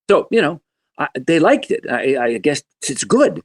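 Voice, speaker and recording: A man in his seventies, a guest musician telling stories in a podcast interview in an animated, joking way. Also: measured pace, slight background noise. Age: 70s. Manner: animated, joking, wide swings in pitch.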